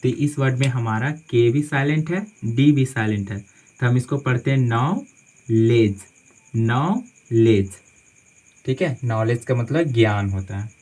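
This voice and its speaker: A man's voice: medium pitch, moderate pace, a little mellow, rough recording. A man teaching English spelling rules in a classroom-style lesson, spelling words out letter by letter and repeating each phrase with a "theek hai" check after most points.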